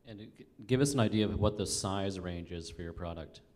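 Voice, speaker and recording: A low-pitched man asks direct, spontaneous questions as a competition judge. His voice carries long reverb from a large hall. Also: a little fast, a little mellow.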